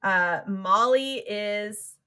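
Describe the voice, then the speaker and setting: A woman's voice: mid-range voice, extremely slow, bright, forceful tone, clear, resonant tone. A woman in her thirties co-hosting a podcast in casual chat, playful and acting out quoted lines. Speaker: podcast co-host.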